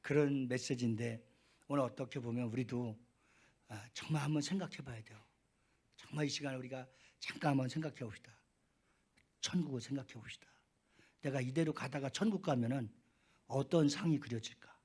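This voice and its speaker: A middle-aged man, a pastor, preaching a sermon in a church, swinging between quiet asides and loud, high, fervent peaks. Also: brisk, pauses often, breathy edge. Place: church sanctuary.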